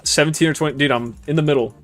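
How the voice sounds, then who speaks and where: A man's voice: a little high, rapid-fire. Man in his twenties, laid-back streamer chatter over faint game music. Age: 20s. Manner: relaxed, rambling, swears casually. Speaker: gaming streamer. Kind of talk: casual gameplay commentary chatting with viewers.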